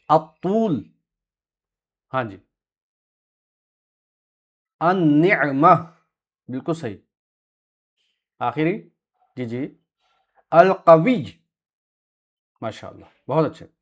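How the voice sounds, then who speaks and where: A man teaching Quranic Arabic words to a class, patiently correcting pronunciation and confirming answers. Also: a little high. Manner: clears throat often, soft short confirmations. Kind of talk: classroom lesson with students.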